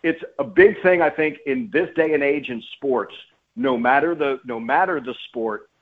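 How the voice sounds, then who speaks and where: The speaker, a man on the radio as a guest and play-by-play announcer, uses a mid-range voice at a moderate pace. He delivers sports commentary with emphasis, repeating phrases for stress, over a narrow-band line that sounds like a phone.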